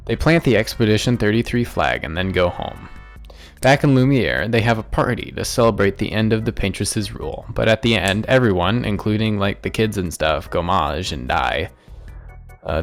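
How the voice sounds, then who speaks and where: A man giving a casual, joking recap of a video game's story, rambling into offhand asides. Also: low-pitched. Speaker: gaming YouTuber.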